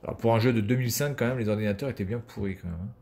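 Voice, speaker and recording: A man's voice: on the low side, very fast, gravelly, darkish tone. A man giving casual video game commentary as a streamer, sarcastic and swearing freely.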